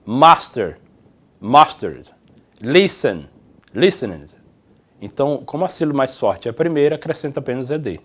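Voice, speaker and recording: A man with a Brazilian Portuguese accent teaching English grammar in a recorded distance-learning lecture, explaining the rules step by step and reading the example sentences slowly and clearly. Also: on the high side, mellow.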